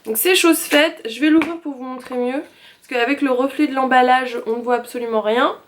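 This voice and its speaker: A woman's voice: high voice, fairly even intonation, moderate pace, slight background noise. A young woman from France showing off craft purchases in a casual, chatty, self-mocking way, with sighs and fillers. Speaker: craft vlogger. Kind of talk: casual haul video.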